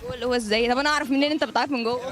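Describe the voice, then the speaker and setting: A rapid-fire Egyptian woman with a high, bright voice, hosting a street interview. She fires off teasing questions and mocks the answers, with music playing underneath. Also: fairly even intonation. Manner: playful, mocking.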